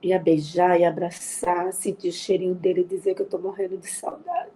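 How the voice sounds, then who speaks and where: A woman from Recife with a Recife accent, a grieving mother talking quietly and with heartfelt faith as an interview guest. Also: fairly low pitch, brisk, slight background noise. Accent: Brazilian Portuguese, Recife. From Recife, Brazil. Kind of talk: emotional interview.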